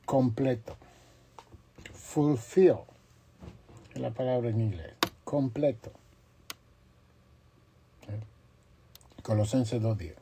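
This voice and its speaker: A man preaching a sermon as pastor, in slow, emphatic phrases with long pauses and forceful rises on quoted lines. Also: mid-range voice, slightly rough.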